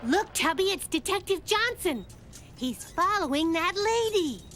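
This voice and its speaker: A woman voicing a spirited, bossy young girl in an animated cartoon, emphatic and excitable. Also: very high-pitched, unhurried, exaggerated voice. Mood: excited. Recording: music behind the voice.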